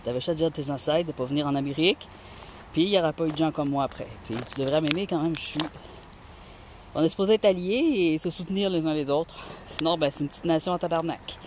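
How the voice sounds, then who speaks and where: Out on a mountain with a handheld phone, a rock-hunting woman from Quebec chats to her viewers in Québécois French. Her voice sits low and moves quickly, and her vlog narration is friendly and meandering, backed by a faint windy ambience.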